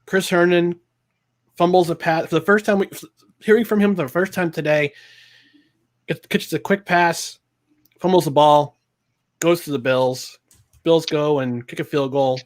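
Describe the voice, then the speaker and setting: A man's voice: a little high, unhurried, long pauses. Man recapping plays in casual chat. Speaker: podcast co-host.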